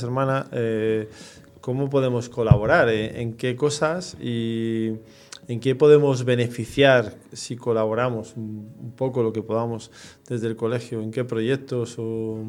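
A man's voice: medium pitch, a little mellow, clear, resonant tone. A man hosting a radio interview, asking questions hesitantly with many filler sounds. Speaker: radio host. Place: radio studio.

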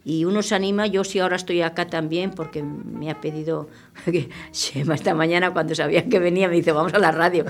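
Earnest older nun, lowish voice. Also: female voice, steady tone, faint music behind. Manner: earnest, unhurried, repeats herself while thinking. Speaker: missionary nun. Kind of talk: radio interview, reflective testimony. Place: radio studio.

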